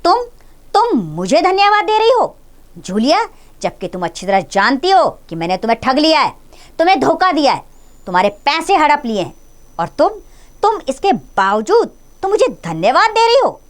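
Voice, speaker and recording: A woman teacher voicing a stern, angry male householder who lectures and nearly shouts at his maid. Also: mid-range voice, sing-song, moderate pace, lightly acted. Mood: shouting angrily.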